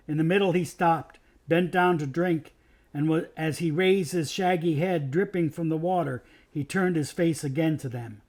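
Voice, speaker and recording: A pastor reading a children's novel aloud, expressive and doing voices for the characters. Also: male voice, a little high.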